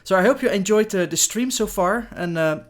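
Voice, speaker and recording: A man streaming live, commenting on his gameplay in a halting way with many filler sounds. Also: sits high.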